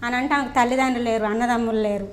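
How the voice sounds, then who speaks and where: A woman's voice: a little high, fairly even intonation, very fast. A woman with a Telangana accent giving an earnest, pleading account in an interview, often addressing the interviewer as sir. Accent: Telangana Telugu. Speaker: crime victim's wife interviewed. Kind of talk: emotional first-person account.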